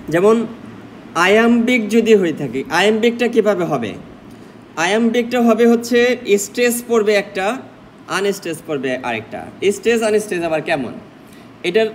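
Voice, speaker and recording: A man with a Bangladeshi Bengali accent teaches a poetry class in a fairly high voice. He explains each point patiently and keeps throwing questions back at his listeners. A faint air-conditioner hum sits behind him. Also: low-quality recording. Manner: explains step by step, asks rhetorical questions. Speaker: English literature lecturer. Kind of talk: classroom lecture mixing English terms.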